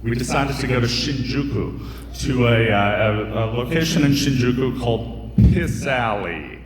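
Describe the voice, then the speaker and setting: Speaking at a moderate pace with medium pitch and lively intonation, a young man from the US delivers a humorous, conversational story full of fillers and tangents at a live storytelling show. The hall is echoey, the mic is distant, and the audience is audible.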